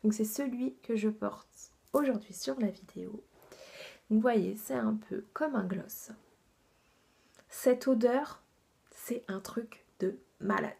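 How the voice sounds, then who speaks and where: A woman's voice: a little high, slow pace, creaky, pauses often, dark tone, husky. A woman reviewing her makeup haul in a chatty, enthusiastic way, with many fillers and asides that drop to a half-whisper. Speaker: beauty vlogger.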